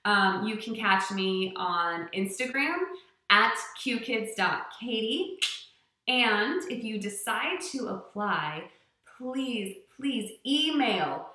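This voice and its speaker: A woman's voice: medium pitch, lively intonation, slow, sharp tone, roomy sound. A woman who teaches English online, giving upbeat, chatty tips in a casual vlog with frequent fillers. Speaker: online ESL teacher and channel host.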